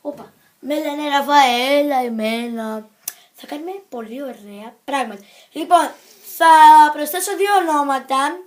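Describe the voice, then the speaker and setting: A woman talking to the camera in a casual vlog, rambling playfully, jumping between topics and correcting herself. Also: high voice. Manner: scattered, jumps between topics and self-corrects; playful and silly. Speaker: vlogger.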